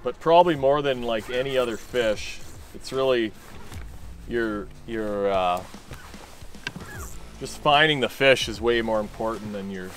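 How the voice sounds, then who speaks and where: Relaxed man chatting while fishing. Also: mid-range voice, unhurried, pauses often, soft background music. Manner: relaxed, chatty, lots of fillers and restarts. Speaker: fishing guide and angler. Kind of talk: casual fishing commentary. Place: small boat on a lake, outdoors.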